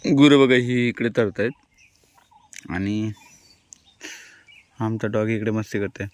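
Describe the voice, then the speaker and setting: A man from Konkan, India, giving a relaxed, chatty walking-tour narration to his viewers outdoors in a hilly forest pasture. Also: fairly low pitch, slow pace, noisy background. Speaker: village vlogger.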